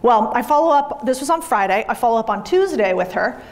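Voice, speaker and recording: A woman in her thirties with a fairly high voice speaks on stage to a live audience. She is blunt and emphatic, swears freely and drives home each point in a motivational talk. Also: lively intonation, brisk. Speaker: business speaker. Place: event room with audience.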